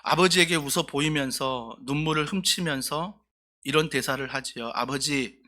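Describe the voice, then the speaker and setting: A man's voice: on the high side, moderate pace, pushed and bright. A male pastor preaching a sermon, telling a story earnestly and with feeling.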